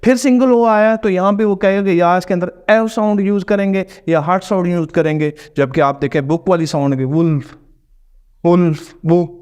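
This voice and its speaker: A man's voice: high voice, steady tone, fairly quick, hardly any pauses, a little mellow, clean tone. A man, patiently explaining a pronunciation lesson and mixing English words into his talk.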